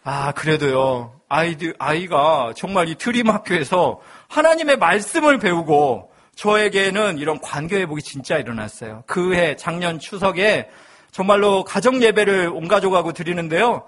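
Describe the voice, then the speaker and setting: High-voiced male pastor telling a funny story. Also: normal speed. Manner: animated, humorous storytelling. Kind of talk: sermon with personal story.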